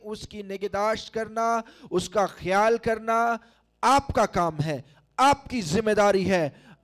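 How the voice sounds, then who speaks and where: Holding a handheld microphone in a large church hall, a middle-aged pastor from Pakistan delivers a sermon in a Pakistani Urdu accent, urging the congregation emphatically. He has a high-pitched male voice.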